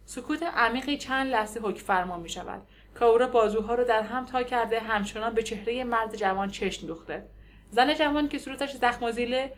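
Woman, audiobook narrator, measured, descriptive, slightly high voice. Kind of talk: scripted narration.

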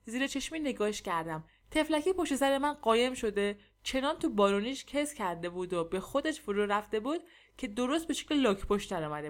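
A woman narrating a humorous story in a lively, expressive reading. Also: a little high.

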